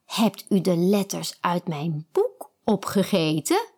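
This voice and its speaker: A woman voicing an excited young girl who is learning to read. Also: lowish voice, slow pace, full character voice. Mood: curious.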